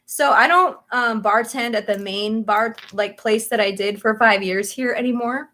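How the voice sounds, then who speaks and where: A woman's voice: on the high side, moderate pace, sharp tone. Chatty woman in her thirties rambling. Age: 30s. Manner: chatty and rambling, laughs often. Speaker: livestream host. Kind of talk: casual livestream chat.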